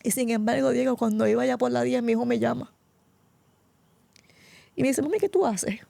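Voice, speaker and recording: A middle-aged woman tells her life testimony as a guest, heartfelt and close to tears. Her voice is deeply gravelly and mellow. The recording is dry and close. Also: little pitch movement, normal speed, no room sound. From Puerto Rico. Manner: tearful, heartfelt storytelling, often addressing the host by name. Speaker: pastor, interview guest. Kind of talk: emotional personal testimony.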